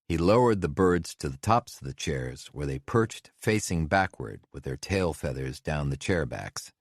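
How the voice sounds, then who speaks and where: A man narrating an audiobook in a calm, even manner. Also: a bass voice, no room sound, studio quality. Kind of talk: scripted narration.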